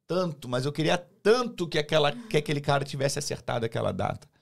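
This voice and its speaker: Creaky-voiced Brazilian man telling his story. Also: on the high side, fast talker. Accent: Brazilian Portuguese. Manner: animated, acts out quoted dialogue. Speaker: guest, teacher. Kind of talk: personal testimony storytelling.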